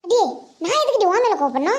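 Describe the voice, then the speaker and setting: Someone doing a shrill fast loud village aunt, teasing scolds. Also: very animated. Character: loud hearty middle-aged village aunt.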